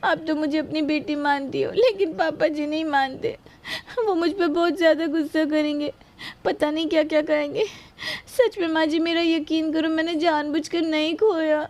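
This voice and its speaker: A woman's voice: high-pitched, level tone, moderate pace, darkish tone. A woman voicing a timid young daughter-in-law in a cartoon, meek and pleading. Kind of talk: cartoon voice acting.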